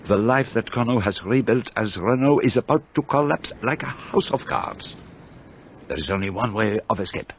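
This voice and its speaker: In a radio play, a man acts as a fussy, self-assured elderly Belgian detective, explaining his deductions precisely and theatrically with a French-tinged Belgian accent. He is older, with a voice on the low side, lively intonation, and normal speed. The recording is dull and lo-fi with faint hiss.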